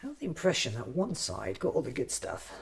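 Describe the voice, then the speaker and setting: A man in his thirties playing a quirky time-travelling doctor in a soft-spoken ASMR roleplay, muttering haltingly to himself. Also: medium pitch, huge pitch swings, gravelly. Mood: musing, wry. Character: newly regenerated time-travelling alien doctor, musing, quirky, self-examining.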